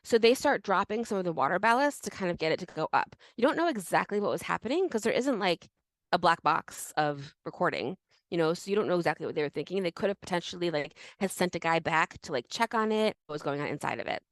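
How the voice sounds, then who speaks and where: A woman's voice: fairly low pitch, animated, fast, no room sound. A woman co-hosting a podcast in casual chat, telling the story in a chatty way full of fillers. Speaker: podcast co-host.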